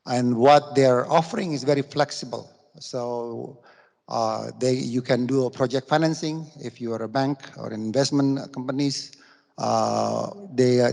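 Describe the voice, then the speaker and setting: Gravelly man presenting in a hall. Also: mid-range voice, darkish tone. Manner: hesitant, many fillers. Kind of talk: business presentation. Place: conference hall. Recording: reverberant conference hall.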